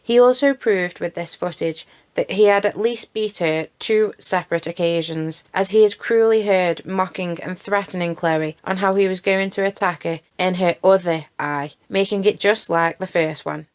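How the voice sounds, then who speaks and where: A woman's voice: on the low side, moderate pace, few pauses, smooth. A woman hosting a true crime channel, recapping a case with outraged, emphatic commentary and swearing.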